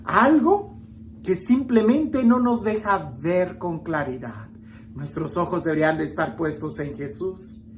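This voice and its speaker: A woman reading the gospel and giving a reflective homily, slow and expressive, with dramatic emphasis and small restarts. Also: fairly low pitch, slight background noise. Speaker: preacher.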